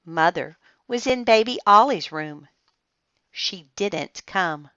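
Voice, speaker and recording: Woman, children's book reading, expressive, bright, slow, dry, muffled recording. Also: medium pitch, dry recording. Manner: expressive, lively storytelling. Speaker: storybook reader.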